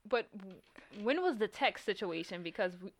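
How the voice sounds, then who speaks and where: A young woman, co-hosting a casual podcast and telling stories with animated, swooping delivery. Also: mid-range voice, moderate pace. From New Orleans. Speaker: podcast co-host.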